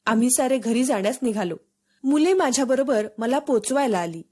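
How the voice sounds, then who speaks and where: A woman narrating a storybook for schoolchildren in a steady, expressive read-aloud. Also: a little high, moderate pace, slightly rough.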